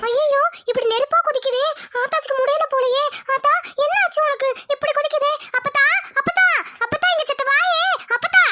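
A woman voicing an anxious little village girl in a cartoon, high and pleading as she calls out. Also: steady tone, fast, loud music behind the voice. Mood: worried. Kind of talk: cartoon voice acting.

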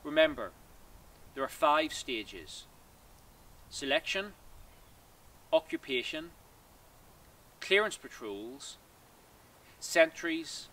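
A man in his thirties, a cadet force instructor, gives a scripted military lesson outdoors in woodland, speaking in a measured, precise way, recorded by a camera some distance away. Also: a little high, huge pitch swings, gravelly, bright, forceful tone.

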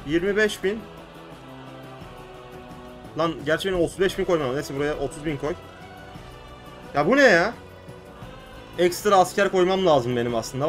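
A young man hosting a gaming channel, commenting excitedly on a strategy game, exclaiming and swearing at what happens on screen. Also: sits high. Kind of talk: excited let's-play commentary.

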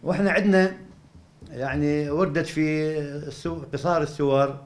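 Iraqi professor lecturing, slightly high voice. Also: male voice. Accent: Iraqi Arabic. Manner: explanatory, reasons aloud, asks and answers his own questions; recites Quranic verses slowly. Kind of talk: academic lecture at a cultural evening.

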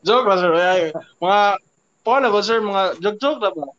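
Playful high-voiced young man, lo-fi. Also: normal speed, fairly bright tone. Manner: playful, mimics other vloggers' intros. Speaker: vlogger doing impressions. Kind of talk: joking casual chat with friends. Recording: dull lo-fi sound.

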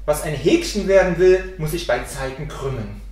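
A woman's voice: sits low, expressive, moderate pace, a little mellow. A woman voicing a scornful elder brother, muttering in mockery. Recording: echoey room from far off.

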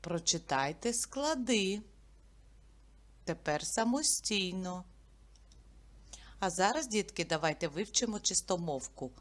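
A woman teaching a literacy lesson to young children, sounding out letters and syllables slowly and prompting them with questions. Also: fairly low pitch, animated. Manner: slow, careful enunciation of sounds and syllables.

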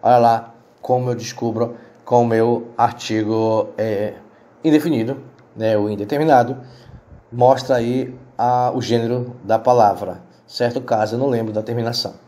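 A man, a Spanish teacher giving a recorded lesson and explaining step by step, often checking in with quick tag questions. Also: mid-range voice, steady tone, dark tone.

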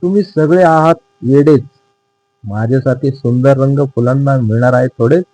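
A man's voice: mid-range voice, moderate pace, mellow, no echo, natural voice, low-quality recording. A man voicing the proud, vain sky in a storybook reading, boastful and scolding.

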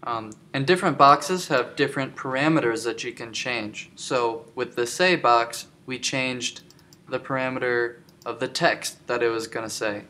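A man giving a screen-recorded software tutorial, explaining step by step with many filler ums. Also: medium pitch, normal speed. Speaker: tutorial instructor.

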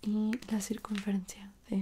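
A young woman with a Mexican accent in a whispered role-play as a dressmaker, speaking softly and attentively straight to the listener. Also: mid-range voice, monotone, slight background noise. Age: young adult. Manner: soft, unhurried, attentive, speaking directly to the listener. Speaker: ASMR performer playing a dressmaker. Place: small indoor room at home.

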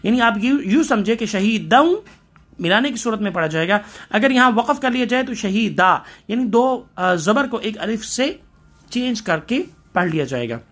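A man's voice: high voice, lively intonation, a bit bright. A man from Pakistan teaching tajweed, reciting verses and explaining each letter rule step by step, stopping now and then to correct himself.

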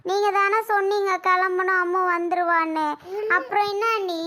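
High voice doing a pleading young wife. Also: moderate pace. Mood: soothing. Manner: placating, apologetic, keeps calming the other. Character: pleading young woman, soothing daughter-in-law. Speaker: young wife in a family skit. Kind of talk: Tamil family drama skit.

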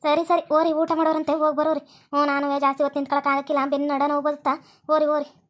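A forgiving cartoon wife, voiced by a woman, soothes her husband in a high, quick voice with a North Karnataka Kannada accent. She scolds gently and fusses over him. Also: monotone, lightly acted. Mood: fussing. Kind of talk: hobby cartoon voice acting.

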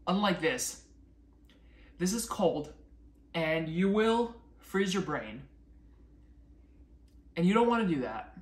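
A man's voice: high-pitched, lively intonation, slow, long pauses. A young man chatting upbeat to camera as a food vlogger, talking while he chews. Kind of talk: casual chat to camera. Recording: echoey room with faint music.

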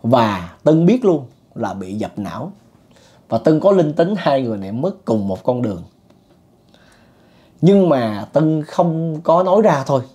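Mellow-voiced man telling a ghost story. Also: mid-range voice, very animated, unhurried. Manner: conversational, with fillers and chuckles. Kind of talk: casual spoken storytelling.

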